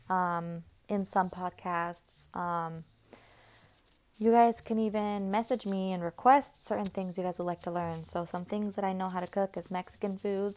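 A woman hosting a casual solo podcast, talking in a chatty, rambling way with many pauses and restarts. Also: lowish voice, a little mellow. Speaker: podcast host.

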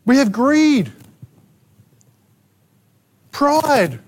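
An Australian man preaches with a notably high voice. He delivers his sermon emphatically, firing rhetorical questions and sharp asides at his congregation. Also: sing-song, extremely slow. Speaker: pastor. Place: church gathering in a rented hall.

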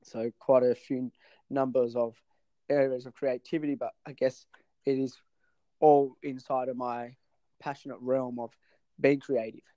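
Halting man with a dry sound. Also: mid-range voice, level tone, warm tone, dry recording, highs cut off. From Sri Lanka. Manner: halting, many fillers and restarts. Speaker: podcast guest. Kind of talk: casual interview chat.

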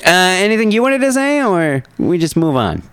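A man's voice: high voice, big pitch swings, normal speed, fairly bright tone, clean tone, dry recording. A man hosting a podcast in casual chat, joking and rambling, correcting himself, with a cough. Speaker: podcast host.

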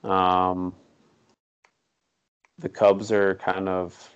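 A man's voice: low-pitched, completely flat delivery, clear, resonant tone, dull audio. A man co-hosting a podcast, chatting casually about sports with blunt, opinionated takes. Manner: blunt, opinionated, quick reactions. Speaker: podcast co-host.

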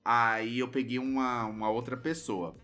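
A man with a Brazilian Portuguese accent telling a story in casual, lively chat. He swears freely and acts out his younger self. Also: mid-range voice, a little slow.

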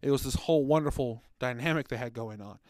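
A man's voice: mid-range voice, fast talker, a little mellow, dry recording, clean studio sound. Earnest man telling a faith story. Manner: earnest, conversational, retells stories with acted quotes. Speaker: podcast co-host, former children's ministry worker.

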